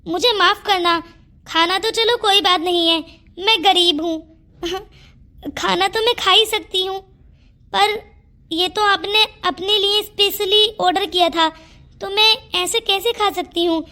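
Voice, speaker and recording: A woman's voice: very high-pitched, fairly even intonation, measured pace, sharp tone, heavily acted. A woman voicing a shy, humble village girl in a cartoon story who speaks politely and apologetically.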